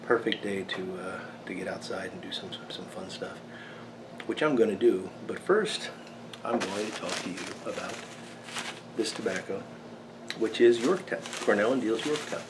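An American man in his fifties giving a casual, rambling video review in a halting, unhurried way, recorded in a small workshop. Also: fairly low pitch. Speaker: pipe tobacco reviewer. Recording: clearly noisy room background.

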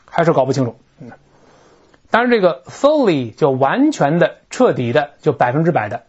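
A teacher giving a recorded grammar lecture, animated and explanatory, drawing words out slowly to model how they sound. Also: medium pitch, husky. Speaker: English teacher. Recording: dull lo-fi recording.

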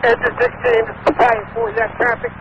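High-voiced man, terse on radio. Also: big pitch swings, fast, lo-fi sound. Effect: two-way radio. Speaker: firefighter on radio. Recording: noisy fire radio traffic.

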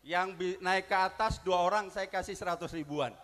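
A man's voice: high-pitched, moderate pace, music in the background. A man giving a formal public speech at a community gathering, ceremonious and leading the crowd in call-and-response chants. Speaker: guest speaker at a community gathering.

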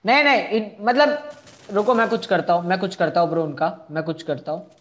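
A man's voice: sits high, a little fast, a bit bright. A young man hosting a casual live game stream, chatting with viewers, repeating himself and asking for likes. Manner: chatty, answers viewers' chat messages one by one.

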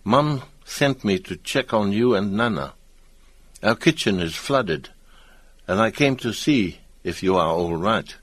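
A man's voice: fairly low pitch, animated, unhurried, fairly bright tone, no echo. A man doing a worried young island boy. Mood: urgent. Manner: urgent.

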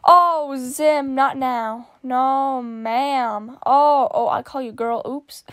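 A woman casually reacting to fan art, excitable and giggly, gasping and exclaiming often. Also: sits high, very slow, no echo.

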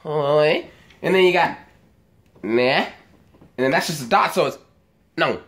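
A man's voice: a little high, very fast, a bit bright. A man hosting a comedic mock language lesson, joking crudely and laughing along the way. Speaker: comedy video host.

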